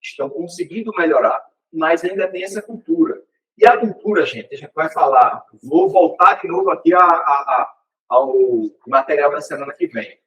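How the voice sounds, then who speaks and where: A man's voice: on the high side, normal speed, a bit bright, recorded from a distance, poor audio. A man with a Brazilian Portuguese accent giving a workplace training talk, in a conversational way that often checks in with the group. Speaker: corporate trainer.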